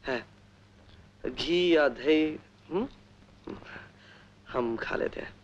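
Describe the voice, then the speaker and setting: Flustered bossy young man, halting, fussy, highish voice, noisy old film soundtrack. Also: dull audio. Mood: flustered, hesitant. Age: young adult. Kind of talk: Hindi comedy film acting.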